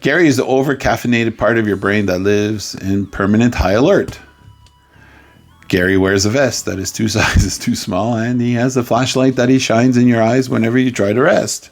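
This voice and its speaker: A man as a life coach, giving a playful, jokey coaching talk with sudden loud outbursts. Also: medium pitch, fairly even intonation, moderate pace.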